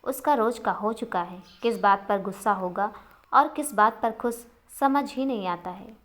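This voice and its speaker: A woman's voice: mid-range voice, measured pace, close to an everyday voice. A woman voicing a stern, scolding middle-aged father in a storybook reading. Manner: firm, scolding.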